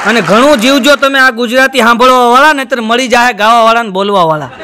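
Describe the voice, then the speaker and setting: A man's voice: extremely high pitch, fairly quick, a crowd in the background, noisy background. A man with a Gujarati accent telling jokes on stage in a chatty way, often turning to the audience as "sir". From Gujarat, India. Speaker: stand-up comedian. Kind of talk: stand-up joke telling.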